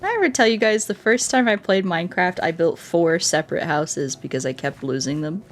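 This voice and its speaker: A woman streaming a game talks briskly and animatedly in a lowish voice, joking at her own expense and reading viewer comments aloud. Game music plays in the background, and there's a slight hiss or hum.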